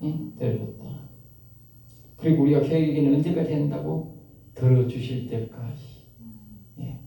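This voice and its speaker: A man preaching a lecture with a gravelly, darkly mellow voice, pushing his points with repetition and short questions to the room. He sounds set back from the microphone, with heavy echo around him in a large room. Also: normal speed, distant mic. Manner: emphatic, repeats phrases and asks listeners 응? 알겠어요?; dramatic swings of pitch and loudness. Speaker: pastor lecturing. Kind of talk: sermon-style lecture. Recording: roomy echo, voice off-mic.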